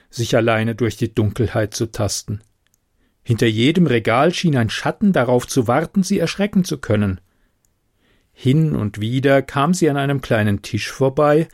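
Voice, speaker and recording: Man narrating a story, measured. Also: mid-range voice, darkish tone, no echo, studio quality. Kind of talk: audiobook narration.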